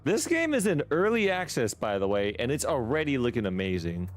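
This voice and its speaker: A man's voice: medium pitch, big pitch swings, a little fast. Joking man streamer reading game text. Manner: joking, playful asides. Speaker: gaming streamer. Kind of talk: casual let's-play commentary, reading game text aloud.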